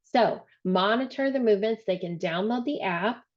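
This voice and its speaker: A woman director giving a webinar training, explaining step by step with frequent "um" and "so", her voice showing some vocal fry. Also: medium pitch, moderate pace, muffled recording. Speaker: program director presenting a training. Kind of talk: webinar presentation.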